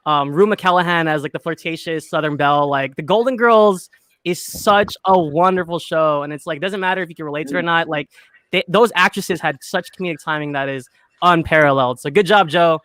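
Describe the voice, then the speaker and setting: A man's voice: fairly high pitch, a little fast, a bit bright, smooth. A man in casual chat, rambling enthusiastically with lots of fillers as he makes his pick. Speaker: draft participant.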